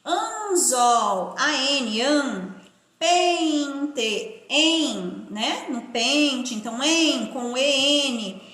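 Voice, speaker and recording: A woman's voice: high voice, animated, fairly bright tone. A woman teacher from Brazil giving a primary school phonics lesson, stretching out syllables and spelling words letter by letter. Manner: slow, drawn-out syllable-by-syllable pronunciation. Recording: echoey room.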